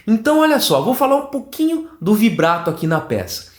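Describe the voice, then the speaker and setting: A Brazilian man gives an online flute lesson, talking the viewer through each step and checking in as he goes. His voice sits high and moves a lot in pitch. The room around him is roomy and echoey. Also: a little fast. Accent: Brazilian Portuguese. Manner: animated, explanatory, checks in with "tá?". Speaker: flute teacher.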